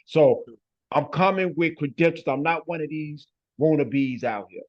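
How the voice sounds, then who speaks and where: In relaxed interview talk, this west-side Chicago guest speaks a little slowly in a voice on the high side. He's emphatic, tags "man" and "bro" onto the ends of phrases, and the lo-fi sound is dull.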